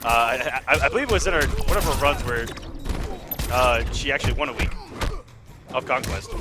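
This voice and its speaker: A man giving live fighting game commentary in an excitable, informal way. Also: mid-range voice, fairly quick, music in the background. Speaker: esports commentator.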